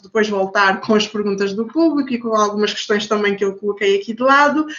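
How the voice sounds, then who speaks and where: Woman moderating a panel, calm and thoughtful, audio a bit muffled. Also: medium pitch. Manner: measured, thoughtful, with fillers. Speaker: debate moderator.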